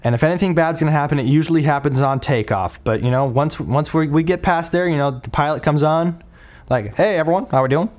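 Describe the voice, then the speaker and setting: A man's voice: a little high, quick pace, hardly any pauses, a little mellow. A young man from Minnesota hosting a casual solo podcast, rambling with lots of fillers and restarts. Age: young adult. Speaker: podcast host.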